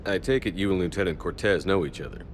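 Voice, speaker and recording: A man playing a steady military starship commander in a video game, direct and measured. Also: sits low, slight background noise, lightly acted. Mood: calm, probing.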